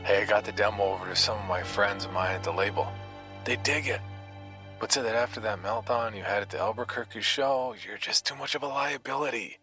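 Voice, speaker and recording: A man's voice: lowish voice, fairly even intonation, fairly quick, sharp tone, pitched above the performer's own voice. A man voicing a slick, condescending male music agent with a smarmy, pushy manner.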